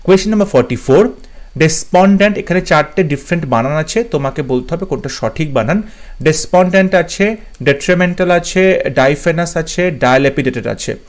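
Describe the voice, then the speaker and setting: A man's voice: a little high, lively intonation, a little fast. A man teaching English spelling to exam students, spelling words out letter by letter and repeating the key ones.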